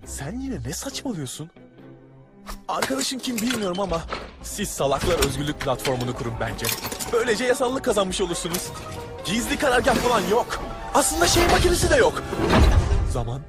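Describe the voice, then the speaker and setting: A man's voice: sits high, sing-song, fairly quick. A man playing a skinny, exasperated turkey sidekick in a cartoon dub, complaining with whiny sarcasm. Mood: sarcastic, exasperated. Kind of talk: Turkish cartoon dub acting. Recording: film soundtrack with music underneath.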